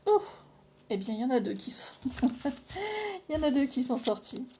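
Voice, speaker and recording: A woman reading oracle cards in a casual, gentle way. She draws her phrases out with pauses and sometimes drops into soft, near-whispered asides. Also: sits high, noisy background. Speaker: oracle card reader.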